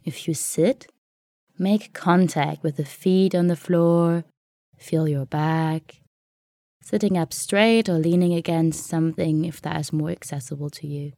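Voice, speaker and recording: A woman guiding a meditation in a soft, soothing, unhurried way, leaving long pauses between phrases. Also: lowish voice, steady tone, creaky, no room sound, studio quality. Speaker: meditation guide. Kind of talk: guided meditation narration.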